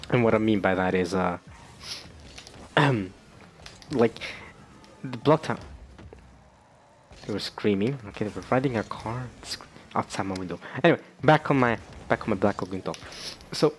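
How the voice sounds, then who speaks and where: A man's voice: fairly low pitch, animated, normal speed, pauses often, a little hiss or hum. A young man vlogging in a casual, rambling way, with many fillers and restarts, often breaking into laughter. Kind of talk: casual chat.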